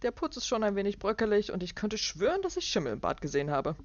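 A woman reading a book aloud and voicing a stout, condescending businessman in his fifties who is loud and falsely jovial. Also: medium pitch, sing-song, fast, no echo, pitched above the performer's own voice, natural voice. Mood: mocking. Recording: dull lo-fi dry recording.

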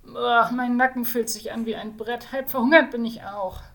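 A woman's voice: fairly high pitch, fairly even intonation, normal speed, fairly bright tone, pitched above the performer's own voice. A woman voicing a vain, complaining young male mage in his mid-twenties, reading him out from a fantasy novel. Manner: whining, complaining.

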